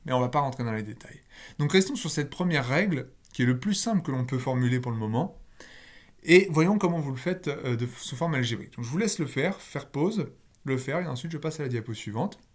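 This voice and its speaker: A man's voice: mid-range voice, lively intonation, a little fast. A man teaching a recorded linguistics lecture, blunt and emphatic, with casual asides and key words drawn out for stress.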